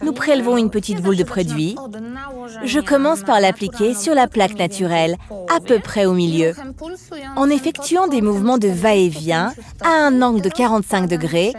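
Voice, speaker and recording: A woman nail instructor explaining a technique step by step in a chatty, instructional way. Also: mid-range voice. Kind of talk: instructional demo chat. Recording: music playing behind.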